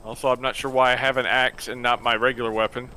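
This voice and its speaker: A man chatting casually as he plays a game, with halting, restarted sentences. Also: medium pitch, little pitch movement, sharp tone, rough recording. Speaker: gamer. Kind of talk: casual gaming chat. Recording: faint noise behind voice.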